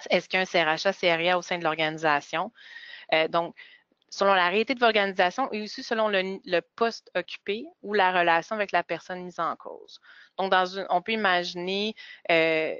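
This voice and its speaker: Woman presenter, lowish voice, hesitant webinar delivery on muffled, dry audio. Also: fairly even intonation, fairly bright tone, clean tone, no echo. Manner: measured, frequent hesitations.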